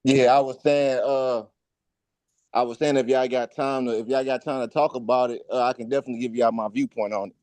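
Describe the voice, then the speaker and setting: A man's voice: medium pitch, steady tone, fairly quick, darkish tone. Man on a muffled, tunnel-like call line. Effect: muffled remote call audio that sounds like a tunnel. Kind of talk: casual sports chat.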